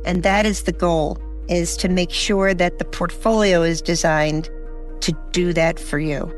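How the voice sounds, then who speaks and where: A woman speaking as a financial advisor, explaining things in measured conversation. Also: lowish voice, steady tone, faint music behind.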